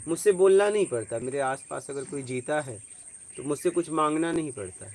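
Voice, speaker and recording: Man, spiritual teacher, informal talk, conversational storyteller, asks if you follow, slightly high voice. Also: expressive, fairly quick. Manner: conversational, tells personal stories, asks listeners if they follow.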